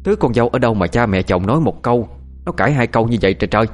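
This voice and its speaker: A man's voice: medium pitch, lively intonation, very fast, faint music behind, lightly acted. A man voicing a harsh, berating older mother-in-law in a spoken horror story. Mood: furious. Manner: berating, contemptuous.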